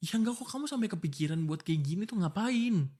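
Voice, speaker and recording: A male voice actor plays an exasperated, protective young fiancé arguing before his wedding in a one-sided boyfriend ASMR roleplay, pleading and scolding informally. He sounds annoyed and suspicious. His voice is high and warm, and he talks fast with lively intonation.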